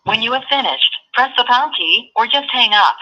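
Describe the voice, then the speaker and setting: A woman's voice: a little high, expressive, moderate pace, bright, forceful tone. Female automated voicemail voice, heard over a dull landline phone line, evenly paced prompts. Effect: heard through a landline phone line. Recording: thin, muffled phone line.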